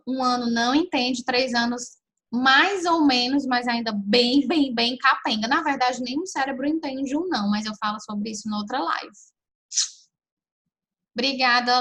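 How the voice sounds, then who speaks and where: A woman's voice: fairly high pitch, fairly bright tone. A woman hosting a casual live stream, chatting and giving parenting advice straight to her viewers. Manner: chatty and advice-giving, often addresses listeners directly. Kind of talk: casual live chat answering viewer questions.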